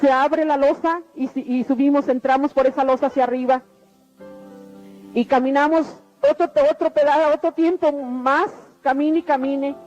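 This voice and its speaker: A woman's voice: high-pitched, steady tone, moderate pace, darkish tone. A middle-aged woman tells her religious testimony in an earnest, repetitive storytelling way. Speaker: testimony speaker. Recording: dull lo-fi radio recording with faint music.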